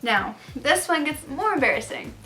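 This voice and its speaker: A young adult woman vlogger tells confessional personal stories to camera, chatty, gossipy, and emphatic. Her high voice has big pitch swings, a sharp tone, and a moderate pace. Faint music sits behind the rough recording.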